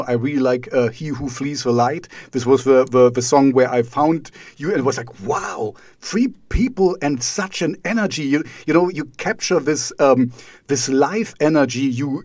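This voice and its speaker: Non-native male host, halting, repeats words, dry close sound, mid pitch. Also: darkish tone, no echo. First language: not English. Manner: hesitant, stumbles and repeats words. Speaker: podcast host. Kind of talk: casual interview questions.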